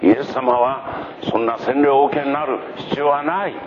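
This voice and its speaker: A man's voice: medium pitch, normal speed, pitched above the performer's own voice, lightly acted. A man voicing an earnest male prophet who baptizes crowds, speaking fervently and humbly in a muffled lo-fi recording with background noise.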